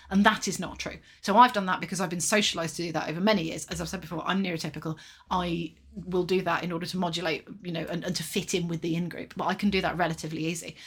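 Fast-talking husky woman. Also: lowish voice, a bit bright. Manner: rapid, talks over her partner, restarts often. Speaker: podcast co-host. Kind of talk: casual chat.

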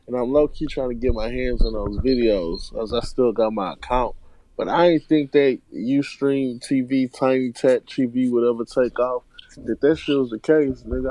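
A man's voice: medium pitch, mellow, no echo. A man in his thirties from Houston with a Southern drawl, talking loosely and slangily as a guest rapper in an interview. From Houston, Texas. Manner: laid-back, slangy, rambling with restarts. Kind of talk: casual interview chat.

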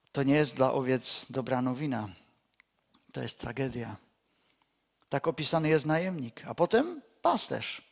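A male pastor delivers a sermon in an unhurried, measured way, with a voice pitched somewhat above the usual for a man. He repeats his key phrases and sinks into a hushed, low tone to stress a point, and now and then he warms into homely storytelling with a light touch of humor. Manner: slow and deliberate, repeats key phrases, drops to a quiet low voice for emphasis.

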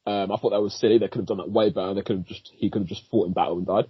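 Husky man in casual film chat. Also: on the low side, rapid-fire, dry recording, lo-fi sound. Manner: animated, swears freely, laughs often. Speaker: podcast co-host, film critic.

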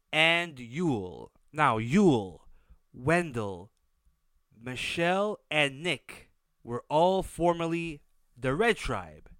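A man hosting solo gives a casual, emphatic recap, his voice nasal and congested from a blocked nose due to sinus issues. It's a little high and fairly bright, with a clean tone. The studio sound is clean with no room noise.

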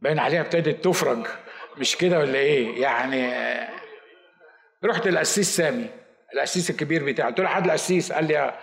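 A man's voice: fairly high pitch, quick pace, long pauses, reverberant. A man with an Egyptian accent, a pastor telling a story in a sermon and acting out the dialogue. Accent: Egyptian Arabic. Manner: animated, acts out dialogue.

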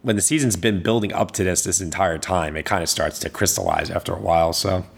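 A man's voice: deep voice, fast, vocal fry, husky. A man with a hungover voice hosting a podcast, casual and hesitant as he wraps up the show. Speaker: podcast host.

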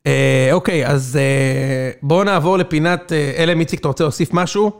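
A man with a notably high voice co-hosts a casual sports chat. He jokes, rambles through fillers and laughs often as he riffs with his co-hosts. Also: vocal fry. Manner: animated, joking, laughs often. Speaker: podcast co-host.

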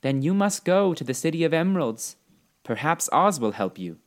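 A kindly little old woman played by a man, the good witch of a storybook. The voice is lifted a little and speaks with solemn, gentle reassurance. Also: fairly high pitch, sing-song, normal speed, pitched above the performer's own voice. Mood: kindly, reassuring. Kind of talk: storybook character reading.

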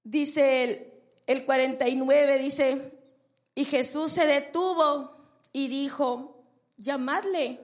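A woman's voice: high voice, fairly even intonation, takes it slowly, long pauses. A woman preacher delivering a sermon, emphatic and repeating phrases for stress.

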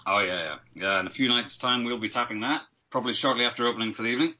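A man's voice: medium pitch, very fast, bright, forceful tone, dull audio. A man from Northern Ireland, a brewmaster, explaining his beer and food in a friendly, matter-of-fact way. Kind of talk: casual chat.

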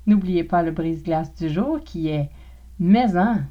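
A woman with a Québécois accent teaching French pronunciation in a podcast lesson, speaking slowly and carefully and demonstrating sounds one at a time. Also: on the low side, highs cut off.

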